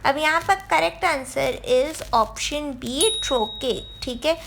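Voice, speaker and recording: Slow, high-voiced tutor woman. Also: vocal fry, fairly bright tone, slight background noise. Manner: reads questions and options slowly, then gives the answer; mixes Hindi and English. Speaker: exam-prep tutor. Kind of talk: lesson explaining exam answers.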